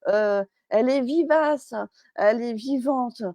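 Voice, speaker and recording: Chatty French woman medium, mellow voice. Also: on the high side, slow pace, no echo. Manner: chatty, hesitant, many fillers and restarts; relays messages as quoted speech. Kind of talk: live stream reading.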